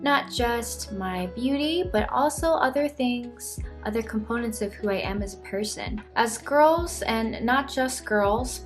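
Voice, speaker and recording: Woman, mid-twenties, vlogger; earnest reflective delivery, medium pitch, faint music bed. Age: 20s. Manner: earnest, soft-spoken, reflective. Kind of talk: reflective vlog monologue.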